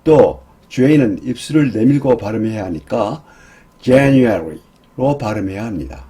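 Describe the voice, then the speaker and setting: A male teacher explaining English month names to beginners, saying each word slowly and clearly for students to repeat. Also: fairly low pitch, mellow. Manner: drills English words slowly, one at a time. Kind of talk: slow, careful teaching for beginners.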